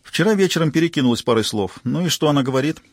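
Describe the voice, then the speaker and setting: Man reading weary woman examiner, plain husky voice, dry. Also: fairly high pitch, expressive, rapid-fire, dry recording, voice pushed up. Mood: wary. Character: weary female medical examiner, dry and wary.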